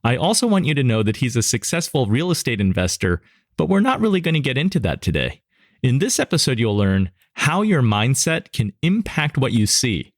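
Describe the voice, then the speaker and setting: A man's voice: mid-range voice, big pitch swings, brisk, no echo, clean studio sound. A man hosting a podcast interview, introducing the guest and asking questions in an upbeat, enthusiastic way. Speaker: podcast host.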